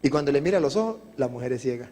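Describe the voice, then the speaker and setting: A priest preaching at a retreat, telling Bible stories in a lively way and acting out the characters. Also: male voice, medium pitch, very fast, slight background noise. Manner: animated storytelling, acting out characters' voices. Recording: long reverb of a large hall.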